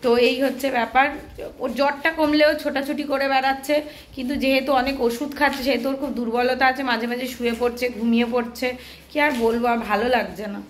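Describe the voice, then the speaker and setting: A woman from Kolkata chatting casually in a home vlog, hoarse from a sore throat and sounding weary and fretful. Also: high-pitched, fairly even intonation, fast, a little hiss or hum. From Kolkata, West Bengal. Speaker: vlogger, mother of a baby. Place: home indoors.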